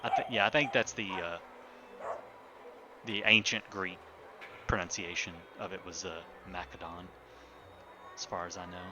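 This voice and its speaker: A man's voice: low voice, moderate pace, pauses often, background noise. A man streaming a building game live, chatting casually to himself and his viewers as he builds. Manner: relaxed, talks to himself while building, chats with viewers.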